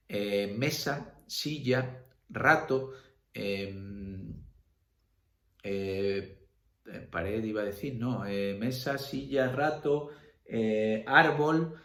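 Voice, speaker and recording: A man's voice: mid-range voice, echoey room. A man from Spain with an Andalusian accent, a secondary school language teacher giving a recorded lecture, full of fillers and checks for understanding. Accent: Andalusian Spanish. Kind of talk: classroom lecture video.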